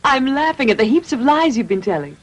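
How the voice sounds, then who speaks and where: Gentle, lilting fairy godmother. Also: high-pitched, big pitch swings, brisk. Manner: soothing, gently scolding. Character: gentle motherly fairy with blue hair.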